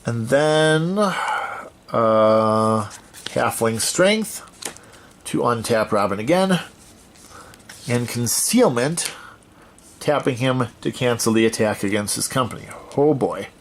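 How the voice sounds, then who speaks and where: A man's voice: medium pitch, expressive, takes it slowly, long pauses, a little hiss or hum. A man hosting a let's-play of a solo card game, thinking aloud as he reads out card text and corrects himself as he goes.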